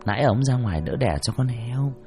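A nervous farm maidservant speaks softly and in a puzzled way, as a male narrator puts her on. Faint music plays in the background. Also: mid-range voice, lively intonation, brisk, lightly acted. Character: timid farm maidservant, woman.

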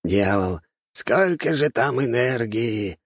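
A greedy old elder , played by a male narrator, grumbles in a husky voice set well above the narrator's own. He sounds envious and impatient. The recording is dry and close. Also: mid-range voice, expressive, slow, no room sound, voice pushed up. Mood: grumbling.

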